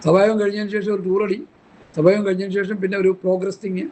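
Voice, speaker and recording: A man's voice: high-pitched, flat delivery, quick pace, darkish tone. A man preaching a Bible study sermon in an impassioned, scolding way, full of rhetorical questions. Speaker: pastor.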